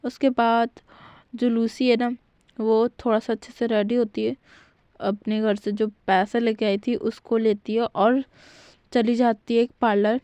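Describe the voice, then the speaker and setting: A woman's voice: on the high side, flat delivery, measured pace, warm tone, clear, resonant tone, no room sound. A woman casually retelling a fan fiction story in a chatty way, with fillers and self-corrections.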